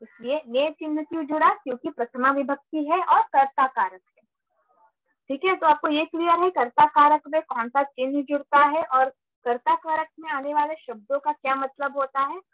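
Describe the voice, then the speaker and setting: A woman's voice: high-pitched, steady tone, normal speed, a bit bright, no echo, rough recording. A woman teaching a live online class, patiently repeating points and checking that students follow. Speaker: Sanskrit teacher.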